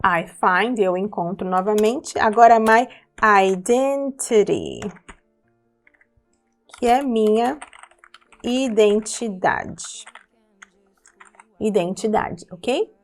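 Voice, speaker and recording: A woman's voice: mid-range voice, soft background music. A woman, teaching English pronunciation from song lyrics, patient and repetitive, checking in with her listeners. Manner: patient, repeats words slowly and checks in with listeners.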